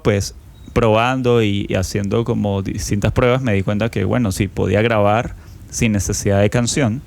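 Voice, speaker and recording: A man hosting a podcast, telling a childhood story in an unhurried, reflective way with frequent fillers. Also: lowish voice, darkish tone. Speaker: podcast host. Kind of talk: personal storytelling monologue.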